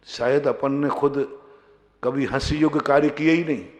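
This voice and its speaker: A man preaching as a Jain monk, his voice at a middle pitch carrying a long echo through a large hall. He throws question after question at his listeners, rising to loud, emphatic peaks and then sinking to quiet, low passages. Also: fairly even intonation, a little slow. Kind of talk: sermon.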